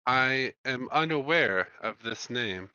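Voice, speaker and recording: A man voicing a solemn female crystalline elemental being, who speaks in a formal, measured way over a dull, dry, lo-fi microphone. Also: medium pitch, lively intonation, pushed and bright, smooth, no room sound, heavily acted. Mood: formal, stern.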